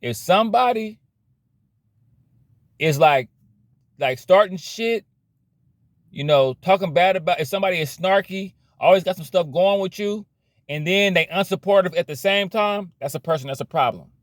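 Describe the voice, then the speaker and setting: A man's voice: high-pitched, moderate pace, pauses often, no room sound, studio quality. A man giving a blunt, slangy motivational rant about cutting problem people out of your life, repeating himself as he preaches. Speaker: motivational vlogger.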